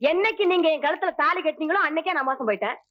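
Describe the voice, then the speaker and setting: An actress playing a sharp-tongued, bossy middle-aged mother and wife in an old film comedy. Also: high voice, animated, very fast. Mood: tart. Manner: tart, bossy. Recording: dull old film soundtrack.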